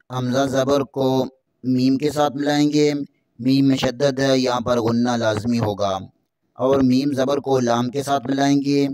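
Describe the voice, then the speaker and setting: A man teaching Quran recitation with tajweed, spelling out the verses letter by letter and chanting them slowly. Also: mid-range voice, darkish tone, dry recording. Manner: slow drawn-out recitation between brisk explanations.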